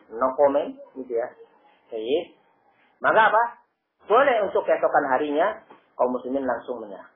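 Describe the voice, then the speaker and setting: Preacher on a tinny lo-fi recording. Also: male voice, medium pitch. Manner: lively storytelling with frequent asides and blessings. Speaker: Islamic preacher. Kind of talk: Islamic study lecture. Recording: lo-fi phone-like audio with faint noise.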